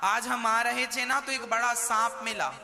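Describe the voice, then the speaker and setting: A man voicing a wandering holy man who speaks in a low, calm way. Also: a little slow. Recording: reverberant hall with music.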